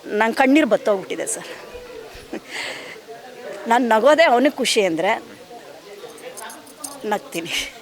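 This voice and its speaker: A middle-aged actress with a Kannada accent, speaking with heartfelt, measured emotion about her late son in an interview. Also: a little high, expressive. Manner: heartfelt, measured, often addresses interviewer as sir. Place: outdoors at an event with a crowd. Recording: crowd noise behind.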